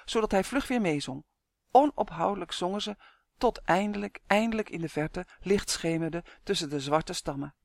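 A woman narrating a children's story in an expressive storytelling rhythm. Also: on the low side, no room sound. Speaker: audiobook narrator.

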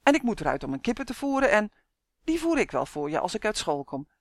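A woman reading an audiobook, voicing a spirited, cheerful little dwarf girl who talks in a bright, bossy way. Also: mid-range voice, very animated, quick pace, dry recording, studio quality. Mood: lively, indignant. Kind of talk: audiobook character voice.

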